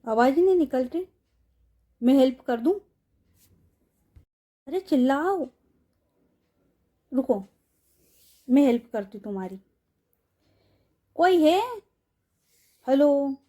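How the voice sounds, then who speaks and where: A woman voicing an obsessive, possessive young woman who mocks and menaces in a soft, mellow voice. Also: high-pitched, expressive, measured pace, long pauses. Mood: taunting. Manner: mocking, coaxing, menacing.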